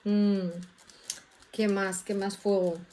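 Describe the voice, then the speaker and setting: A woman leading a casual Bible study, lively and acting out the voices in the verses she reads. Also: medium pitch, takes it slowly, a little hiss or hum. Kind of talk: casual scripture teaching.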